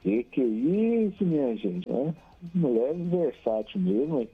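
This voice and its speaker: His medium-pitched voice is husky and very animated, though a little slow. The speaker, a Brazilian man on a radio phone-in, laughs a lot, chats cheerfully and rattles off long lists of names in casual on-air shout-outs. The line crackles, cuts out and sounds tinny, with faint music playing.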